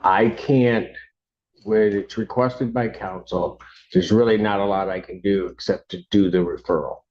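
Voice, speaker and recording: A man presiding as judge, captured on a courtroom recording, firm and quick to cut in with "hold on.". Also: fairly low pitch, fairly even intonation. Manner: firm, interrupts with repeated "hold on". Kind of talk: presiding over court hearings. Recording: dull courtroom audio recording.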